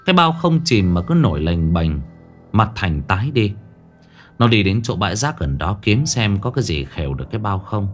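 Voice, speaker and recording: A man narrating a horror story in a dramatic, expressive way. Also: lowish voice, normal speed, faint music behind.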